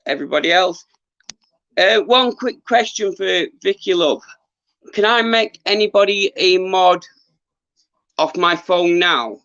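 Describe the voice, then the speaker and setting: A middle-aged man who is losing his voice, chatting casually to viewers on a livestream in an earnest, halting, rambling way. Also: sits high, pushed and bright, dry recording. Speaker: livestream host, former boxer. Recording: dull lo-fi livestream audio.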